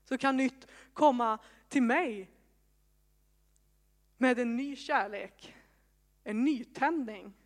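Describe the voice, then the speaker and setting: A fairly high-pitched woman in her thirties gives a sermon woven with personal stories. She talks to the congregation in a conversational way and pokes fun at herself. Her voice rings out in a church hall with a long reverb. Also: pauses often. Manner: conversational, self-mocking asides. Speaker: preacher.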